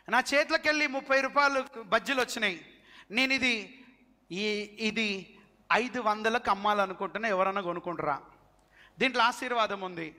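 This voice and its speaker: A man with a Telangana accent preaches to his congregation in a very high, sharp, bright voice. He is animated and keeps calling on the crowd to answer him. Long reverb rings through the hall around him. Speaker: pastor. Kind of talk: sermon with live demonstration.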